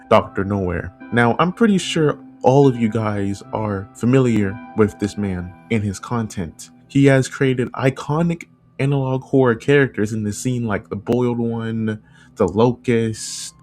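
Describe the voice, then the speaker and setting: A video essay host and analog horror creator delivers informal, opinionated commentary over background music. His voice is on the low side and a little mellow, and he talks conversationally, repeating phrases for emphasis.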